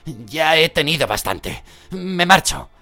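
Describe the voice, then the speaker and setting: A man voicing a frightened, defiant teenage boy who protests in loud, high shouts. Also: huge pitch swings, a little slow, vocal fry, slightly rough, heavily acted. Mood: frantic.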